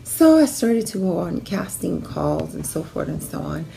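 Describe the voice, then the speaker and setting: A middle-aged woman from Haiti tells her life story, relaxed and loose, with fillers and restarts. Her voice sits low and warm, with a gravelly edge. A faint hiss of noise runs under the recording. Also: normal speed. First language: Haitian Creole or French. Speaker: producer and actress telling her life story. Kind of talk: personal bio monologue.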